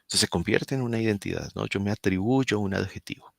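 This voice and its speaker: A man's voice: lowish voice, fast, creaky, dry recording, studio quality. A man presenting a topic to a study group, explaining step by step while thinking aloud and often checking in with the listeners. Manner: thinking aloud with fillers and restarts, asks "¿no?". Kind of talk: explanatory lecture.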